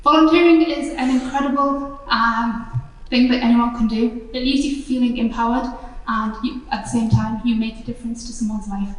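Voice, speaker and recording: A high-pitched woman with a Northeast English accent hosts a live community event, friendly and a little halting, her voice going hoarse. She is heard from a distance in an echoey hall with a long reverb tail. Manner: friendly, slightly halting with restarts. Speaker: charity event host.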